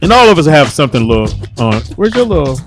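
A man's voice: a little high, big pitch swings, fast talker, over music. A man hosting a talk radio show, brash and teasing with crude jokes. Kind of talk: crude casual radio banter.

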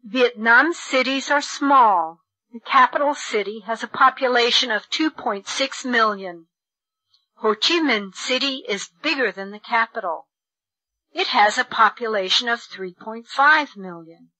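A woman reading sentences for a school English textbook recording, enunciating slowly and precisely. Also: a little high, bright, forceful tone, no echo, rough recording. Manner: slow, precise enunciation for learners. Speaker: textbook audio reader. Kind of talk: slow, clear textbook reading.

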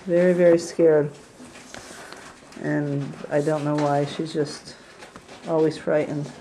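A woman who rehabilitates squirrels, chatting gently on a casual video tour of an indoor room full of cages, recorded on a handheld camera mic. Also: low-pitched, flat delivery, slow, slight background noise, low-quality recording. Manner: gentle, chatty, coos at animals.

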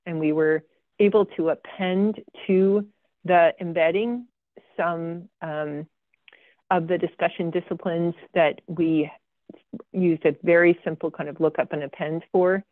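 A woman's voice: fairly low pitch, fairly even intonation, measured pace, no room sound. A woman giving a slide presentation about her research. She talks with frequent ums and dry, sarcastic asides. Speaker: guest speaker presenting research. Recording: tinny phone-like video call audio, dry.

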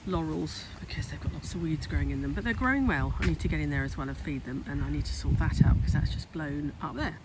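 Woman, casual vlog, outdoors, phone mic, clear noise and animal sounds behind. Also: low voice, fast, few pauses. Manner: chatty, thinking aloud, excitable with her chickens. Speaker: vlogger showing her home renovation. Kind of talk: casual walk-and-talk vlog. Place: outdoors in a garden building site. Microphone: handheld phone camera.

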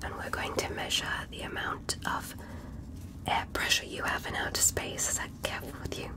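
In an ASMR roleplay, a woman whispers breathily as a curious, courteous alien doctor examining a human. She gives slow, careful instructions in formal wording, guiding gently.

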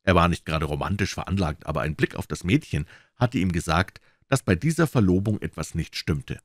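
Male audiobook reader, deep, lively delivery, dry close recording. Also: brisk, no echo. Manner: expressive, voicing characters. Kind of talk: scripted audiobook narration.

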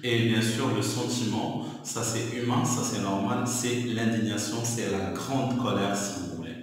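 A man teaches a recorded lesson at an unhurried, deliberate pace, stopping often on fillers and repeating himself. His voice sits at an ordinary middle pitch. It sounds hollow and roomy, with a long reverb, as if he stands some way back from the microphone. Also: slight background noise. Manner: slow, patient explaining with many fillers and repetitions. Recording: echoey room, voice far from the mic.

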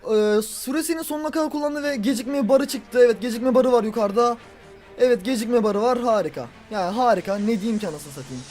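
A young man with a high-pitched voice calls out his own football video game match. He grumbles about lag, then bursts into loud, exasperated shouts. Faint music plays underneath. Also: fairly quick. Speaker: gaming YouTuber. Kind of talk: live football game commentary.

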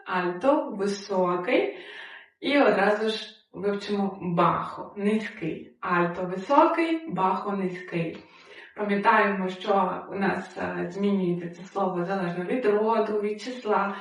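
A woman teaching a language lesson, repeating each example slowly and clearly. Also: medium pitch, far from the mic. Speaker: Spanish teacher. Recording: very echoey room, voice off-mic.

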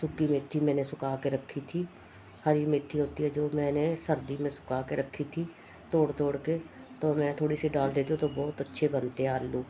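A middle-aged woman talks through her day for a home vlog, rambling and matter-of-fact. Her throat is hoarse from a lingering cough, and her voice is gravelly, mellow and flat. Faint background noise sits under the recording. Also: deep voice, normal speed. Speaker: vlogger. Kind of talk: casual home vlog chat.

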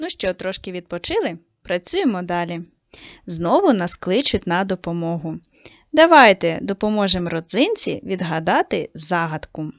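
A woman's voice: on the low side, very animated, dry recording. Patient woman teaching young children. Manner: slow, patient, coaxing, stresses each word. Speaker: primary school teacher. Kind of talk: recorded second-grade lesson.

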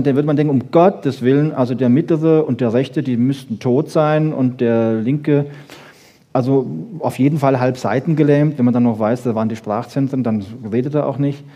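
Speaking freely to an audience, a man gives an emphatic popular-science lecture full of rhetorical questions and frequent checking tags. His voice is medium-pitched, mellow, and slightly husky.

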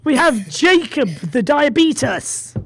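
A man's voice: extremely high pitch, sing-song, slow, a crowd in the background. A young man hosting a casual group podcast over a voice call from his bedroom, his voice muffled because he is recording under a blanket. He rambles, mocks himself and laughs often. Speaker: podcast host.

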